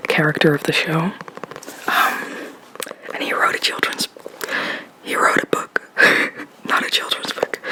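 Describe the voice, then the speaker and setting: An ASMR host whispering and speaking softly into a close microphone covered with a sock, rambling and giggly, often stumbling over words. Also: mid-range voice, rough recording. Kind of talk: ASMR whispering and soft-spoken talk.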